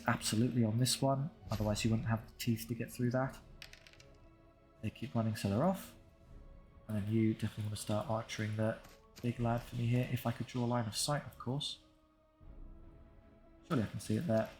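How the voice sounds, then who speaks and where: This gaming video creator speaks at a medium pitch with a slightly mellow quality. Narrating his strategy game run, he keeps things low-key and casual, musing out loud and making deadpan remarks to his units.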